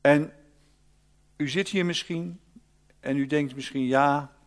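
A male preacher, giving an animated storytelling sermon that swings from loud to hushed. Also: a little high, takes it slowly.

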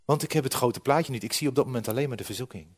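A man preaching a sermon with slides, lively and humorous, often dropping from loud to quiet. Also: mid-range voice, very fast. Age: 40s.

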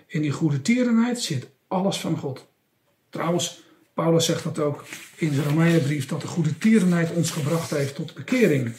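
A man preaching a sermon with an expressive, emphatic delivery and rising stresses. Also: sits high. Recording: echoey room.

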